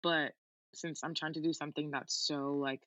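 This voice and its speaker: Young female podcast guest, bright forceful voice, dry sound, casual and peppered with "like". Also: low-pitched, little pitch movement, normal speed, no echo, highs cut off. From Queens, New York, United States. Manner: informal, frequent "like" as filler. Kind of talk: casual interview chat.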